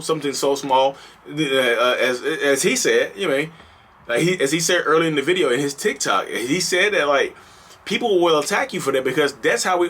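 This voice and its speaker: A man's voice: on the high side, a bit bright, breathy edge. A man in his thirties hosting a vlog, talking casually and building into passionate, repeated rhetorical questions. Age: 30s. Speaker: host.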